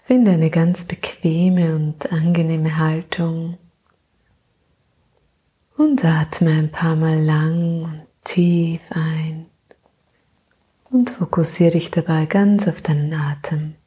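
A woman slowly narrating a soothing sleep meditation in a hushed, half-whispered voice, calm, with gentle pauses between phrases. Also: deep voice, husky. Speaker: guided meditation narrator and podcast host.

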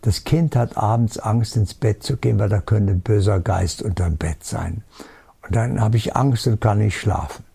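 A man giving a spiritual teaching talk, calm and certain, stressing his points with emphasis and rhetorical questions. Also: fairly low pitch, moderate pace, gravelly, breathy edge.

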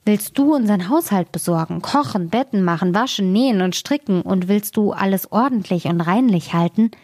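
A woman's voice: medium pitch, lively intonation, moderate pace, darkish tone, no echo, clean studio sound. A woman voicing a group of kindly little male dwarfs in a storybook tale, speaking in a friendly, caring way.

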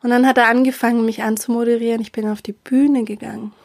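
A middle-aged woman with a fairly high voice tells a personal story with feeling. She speaks haltingly, restarting sentences and often sinking into a whisper to stress a point. The recording is dry and close, with no room sound. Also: little pitch movement, a little mellow, no echo. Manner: emotional, often drops to a whisper for emphasis; halting, with many fillers and restarts.

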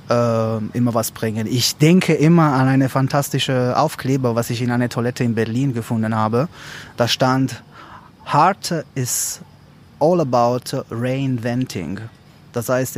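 A man answering interview questions as a lecturer, speaking haltingly with many fillers. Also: mid-range voice, a little hiss or hum.

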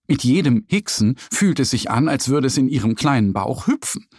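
A man narrating a children's story slowly and expressively. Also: mid-range voice, no echo, clean studio sound. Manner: slow, lively storytelling.

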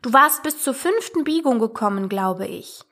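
A woman's voice: on the high side, expressive, normal speed, fairly bright tone. A woman voicing a curious, polite young girl who talks eagerly and earnestly.

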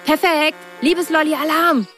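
A woman voicing a friendly, imaginative young girl in a storybook reading, warm and eager. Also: medium pitch, sing-song, unhurried, faint music behind.

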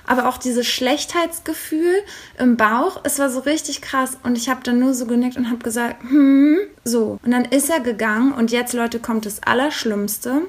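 A woman co-hosting a podcast, telling a personal story in a candid, animated, colloquial way. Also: fairly high pitch, normal speed. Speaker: podcast co-host.

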